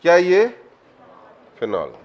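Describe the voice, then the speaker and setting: A man with a high voice teaches a chemistry lesson online. He keeps quizzing his students, coaxing answers out of them and calling on them by name. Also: wildly swooping pitch, slow, muffled recording.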